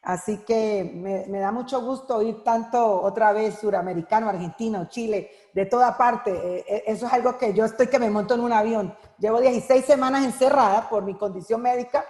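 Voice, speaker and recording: A middle-aged woman giving an earnest, heartfelt personal testimony at an online women's conference, pausing often as she speaks. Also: fairly high pitch, darkish tone, reverberant, big-room sound. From Colombia. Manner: earnest, heartfelt, halting with frequent pauses. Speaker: women's Bible teacher and speaker.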